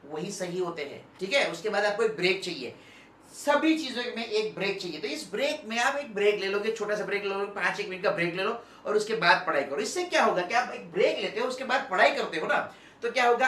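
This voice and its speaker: Brief: male motivational speaker addressing students, standing and moving around, switches between soft and loud delivery, recorded from a distance in an echoey room. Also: sits high, slight background noise. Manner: keeps checking in with the listener by asking "okay?".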